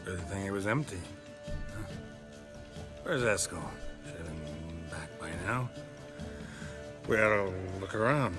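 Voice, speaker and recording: An actor playing a terse, deadpan witcher who speaks in short dry lines. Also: deep voice, unhurried, long pauses, music in the background. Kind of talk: video game character dialogue.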